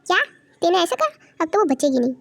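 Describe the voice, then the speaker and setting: A high young voice playing a hot-tempered young mafia boss husband in an amateur fan audio drama, curt and threatening. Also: big pitch swings, fast, gravelly, full character voice.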